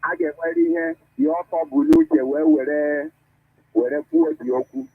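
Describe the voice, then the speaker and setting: Nigerian Igbo man, radio panelist, high gravelly voice, phone-line sound. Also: very animated, unhurried, no room sound. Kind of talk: casual radio talk mixing English and Igbo.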